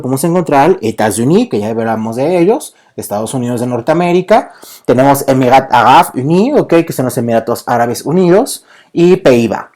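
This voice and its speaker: A man's voice: medium pitch, a little mellow. A man teaching a beginner French lesson, patiently explaining and peppering his talk with "ok". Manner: patient, says "ok" constantly.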